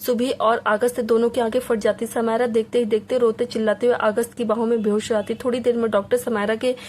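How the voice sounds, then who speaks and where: A woman narrating a Hindi audio novel in a dramatic, expressive reading style. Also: on the high side, fast, a little hiss or hum. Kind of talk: scripted story narration.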